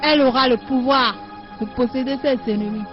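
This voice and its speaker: An actress as a solemn ritual priestess. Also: female voice, high voice, fairly quick, natural voice. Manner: solemn proclaiming. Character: ritual priestess announcing a dark crowning. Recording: dull distant sound with faint music.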